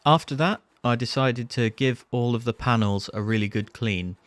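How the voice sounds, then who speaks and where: A man's voice: mid-range voice, normal speed, no room sound. A British man in his thirties narrating a restoration video in an understated, conversational way with casual asides. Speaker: host of restoration video series. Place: barn workshop. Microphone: clip-on lapel mic.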